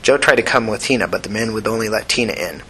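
A man narrating an audiobook in a steady, even reading voice. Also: fairly low pitch, quick pace, husky, low-quality recording.

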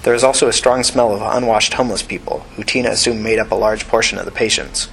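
A man narrating an audiobook in a steady, even reading voice. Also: fairly low pitch, fast, creaky, slight background noise, rough recording.

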